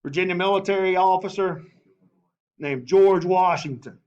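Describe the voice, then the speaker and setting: A man teaching a history class in a lively way, often asking the class and saying okay. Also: sits high, normal speed, highs cut off.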